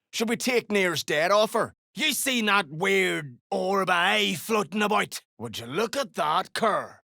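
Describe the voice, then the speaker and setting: A woman voices a foul-mouthed duergar mercenary gang boss for video game dialogue, with a gravelly, growling, mid-range delivery and a sharp tone. She sounds gruff, crude, slangy and threatening, a menacing dwarf greedy for coin, in full character voice. The recording is clean studio sound with no room sound.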